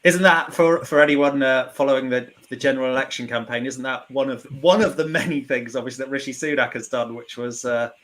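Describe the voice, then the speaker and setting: A man's voice: medium pitch, steady tone, a little fast, hardly any pauses, a bit bright. British man reasoning through podcast points. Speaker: podcast panellist. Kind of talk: casual discussion.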